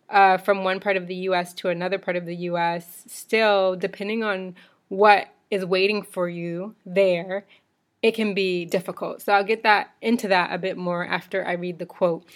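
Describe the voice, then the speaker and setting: A woman in her thirties from the United States, hosting her own podcast in a chatty, informal way with small laughs and restarts. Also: fairly low pitch. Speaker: podcast host. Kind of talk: solo podcast talk.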